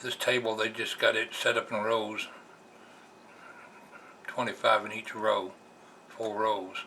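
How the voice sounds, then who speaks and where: Speaking slowly with a flat delivery, an American man uses a fairly low, sharp-toned voice to explain something casually and plainly. He's a hobbyist vlogger at a computer indoors, and his camera's onboard mic produces a noisy amateur recording.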